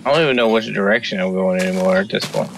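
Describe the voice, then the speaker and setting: A man's voice: on the low side, quick pace, creaky, background noise. A man chatting casually while playing a game, teasing his friends. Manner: joking, teasing. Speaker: gamer. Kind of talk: casual gaming chat.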